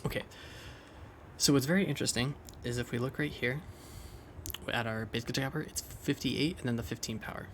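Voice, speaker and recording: A man's voice: mid-range voice, fairly quick, fairly bright tone, slight background noise. A young man casually thinking aloud as he explains a game build over gameplay, loose and rambling with restarts. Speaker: game commentator.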